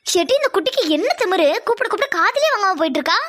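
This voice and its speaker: A woman's voice: very animated, very fast, fairly bright tone, full character voice. A woman voicing a short-tempered village mother in a cartoon, nagging and threatening her daughter. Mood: scolding. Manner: nagging, threatening, shrill scolding.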